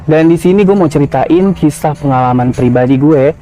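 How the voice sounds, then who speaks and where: Man, 30s, podcast guest, warm mellow tone, casual confessional storytelling. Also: a little high, moderate pace, soft background music. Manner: casual slangy confessional, many fillers. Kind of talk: personal storytelling.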